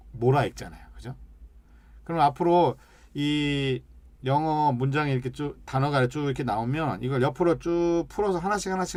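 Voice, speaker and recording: A man teaching an English lesson, stretching out sounds and syllables slowly as he demonstrates, and asking the class questions that he then answers himself. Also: fairly high pitch, a little mellow, no echo. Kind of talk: lecture with slide examples.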